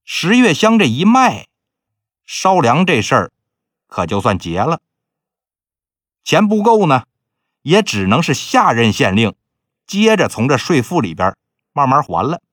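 Lively male storyteller. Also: mid-range voice, a little slow, pauses often, dry recording, clean studio sound. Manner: lively, conversational, dramatic. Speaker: storyteller host. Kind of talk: folk tale storytelling.

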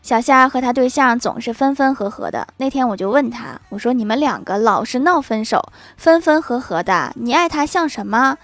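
Female comic storyteller, bright and playful, wry asides. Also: a little high, moderate pace, hardly any pauses, faint music behind. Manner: lively, switches voices for quoted characters, laughing asides. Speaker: joke narrator. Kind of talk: storytelling funny anecdotes with quick asides.

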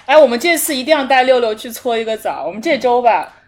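Woman podcast co-host, somewhat high voice, chatty storyteller. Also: fast talker. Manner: animated anecdote telling with laughter. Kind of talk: casual chat, storytelling.

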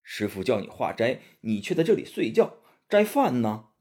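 A man's voice: mid-range voice, big pitch swings, normal speed, a little mellow, breathy edge. A man voicing an earnest young monk scolding his lazy elder brother-disciple, in a storybook reading. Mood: reproachful. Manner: reproachful.

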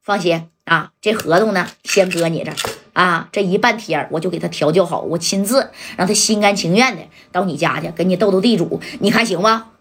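Female storyteller doing a smug older male boss, low voice, sly, unhurried. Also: fairly bright tone, slight background noise.

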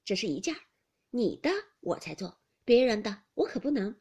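A woman's voice: mid-range voice, very animated, darkish tone, slightly rough. A woman voicing an outspoken, blunt teenage noble girl who teases and scolds. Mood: teasing, indignant. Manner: blunt, quick-tongued, scolding.

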